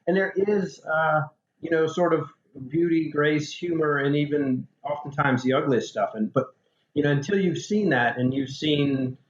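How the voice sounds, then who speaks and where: A man's voice: on the high side, normal speed, slight background noise. Man as interview guest, frank and darkly funny, roomy and slightly muffled audio. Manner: candid, dark-humored storyteller with many restarts. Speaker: author and paramedic guest. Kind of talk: storytelling in a podcast interview.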